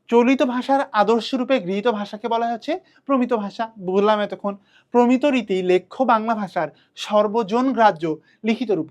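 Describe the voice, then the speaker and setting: A woman's voice: medium pitch, darkish tone. A young adult woman with a Bangladeshi Bengali accent, teaching an online class and answering her own questions as she goes. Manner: asks questions then answers them herself.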